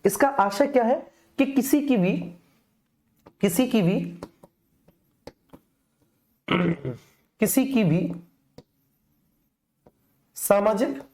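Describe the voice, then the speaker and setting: Fairly high-pitched and a little mellow, this woman teacher with an Indian accent speaks slowly and animatedly, leaving long pauses. In her explanatory exam-coaching lecture she talks to students familiarly and repeats key phrases for emphasis.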